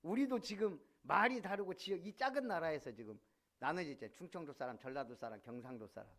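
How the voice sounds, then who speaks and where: Animated man preaching a sermon. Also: on the high side, fast. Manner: animated, asks the congregation questions. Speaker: pastor. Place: church sanctuary.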